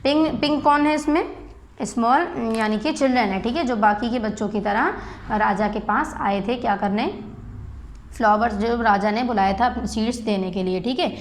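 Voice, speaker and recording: A woman school teacher with an Indian English accent slowly explains a class exercise in Hindi, spelling out English words letter by letter. Her voice is on the high side.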